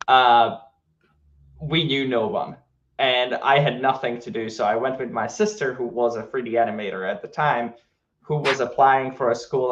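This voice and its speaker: A man from Hungary with a Hungarian accent, a game studio co-founder chatting casually in an interview, relaxed and full of fillers and restarts. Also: medium pitch, lo-fi sound.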